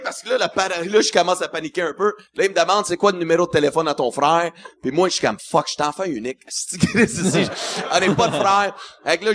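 A man with a Quebec French accent telling an animated story in casual chat, slipping into English. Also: mid-range voice. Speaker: guest storyteller.

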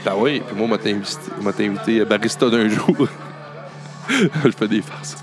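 Low-voiced Quebec man hosting a casual chat. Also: normal speed, over music. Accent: Quebec French. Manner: informal, swearing, joking. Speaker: interviewer, host.

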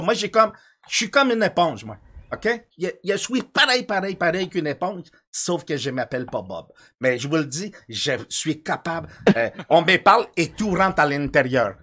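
Bright, lively Quebec man joking. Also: a little high. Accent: Quebec French. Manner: rambling, stammering, joking. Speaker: comic weather presenter. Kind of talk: improvised comedy sketch.

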